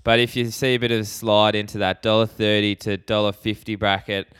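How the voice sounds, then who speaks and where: A man with an Australian accent and a lowish, very clean voice in a dry, close recording. He chats casually like a laid-back tradie, with plenty of slang, as a podcast co-host. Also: level tone, brisk, fairly bright tone, clean tone, no room sound. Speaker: sports betting podcast co-host. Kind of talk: casual chat.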